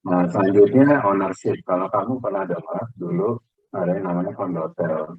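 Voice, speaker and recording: An Indonesian lecturer with a very low, slightly husky voice talks students through his lesson in a loose, conversational manner. He comes through a video call with a dry, dull, lo-fi sound. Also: no echo. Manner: relaxed, conversational, frequent fillers. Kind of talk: online class lecture.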